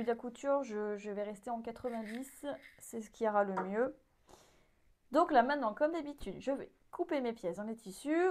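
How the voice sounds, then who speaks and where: A woman with a slightly high voice hosts her sewing vlog. She talks casually and candidly, pausing often with little hesitations. She sounds frank and critical without being harsh. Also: darkish tone. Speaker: sewing channel host.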